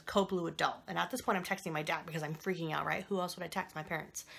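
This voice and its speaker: A young woman hosting a podcast, telling a personal story in a candid, animated way with frequent swearing and quick asides. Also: fairly low pitch, creaky. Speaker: podcast host.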